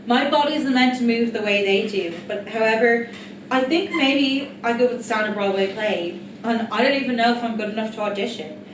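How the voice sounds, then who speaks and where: A woman's voice: fairly high pitch, moderate pace. Woman reading a monologue in an echoey room. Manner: earnest, reflective, addressing the audience directly. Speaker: writer-performer of an autobiographical solo play. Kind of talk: rehearsed reading of a theatrical monologue. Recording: echoey, distant mic, noisy room.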